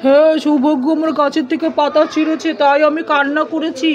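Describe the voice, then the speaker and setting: A woman's voice: high-pitched, flat delivery, fast, dull audio, voice pushed down, lightly acted. A woman voicing a hurt, crying tree that forgives a child, in a playful kids' skit. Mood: tearful. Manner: whimpering, pleading.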